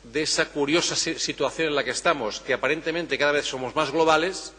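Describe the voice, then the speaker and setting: A man's voice: a little high, brisk, sharp tone. Man musing in an echoey hall. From Catalonia, Spain. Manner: thoughtful, tags phrases with "¿no?", frequent restarts. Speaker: political science professor, conference speaker. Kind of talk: conference Q&A answer. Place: conference hall. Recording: reverberant conference hall.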